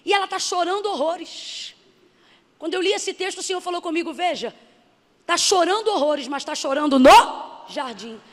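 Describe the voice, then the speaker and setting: A woman missionary preaching a sermon with emphasis, building to shouts. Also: very high-pitched, moderate pace. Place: church hall. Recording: hall reverb.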